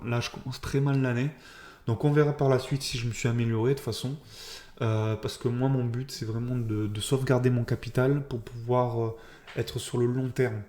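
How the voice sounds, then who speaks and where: Lisping man with an even, roomy voice. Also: medium pitch. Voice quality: slight lisp. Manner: halting, self-critical, thinking aloud. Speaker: trader keeping a video diary. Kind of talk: informal spoken debrief.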